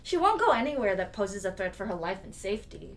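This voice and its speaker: A woman's voice: mid-range voice, sing-song, fast. A young woman playing an anxious, skeptical student friend in scripted drama dialogue. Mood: grudging. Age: young adult.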